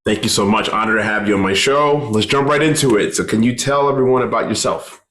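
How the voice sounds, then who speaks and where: A man's voice: on the low side, fast talker, fairly bright tone. An enthusiastic middle-aged man hosting an interview show, piling on praise and repeating his words. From United States. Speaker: podcast host. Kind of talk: interview host chat.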